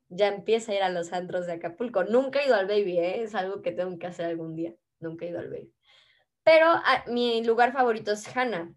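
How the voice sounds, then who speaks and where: A young woman with a Mexican accent, chatting casually and telling family anecdotes, acting out the voices of people she quotes. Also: mid-range voice. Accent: Mexican Spanish. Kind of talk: casual chat.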